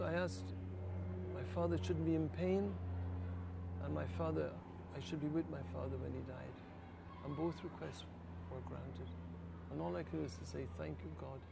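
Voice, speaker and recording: Gravelly-voiced older Irish priest. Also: male voice, fairly high pitch, normal speed, very noisy. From Ireland. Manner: earnest, quietly emotional, rises to lively laughter. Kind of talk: reflective personal storytelling in an interview.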